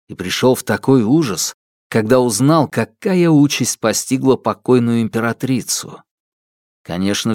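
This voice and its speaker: A man's voice: mid-range voice, a little mellow, dry recording, studio quality. A man narrating an audiobook.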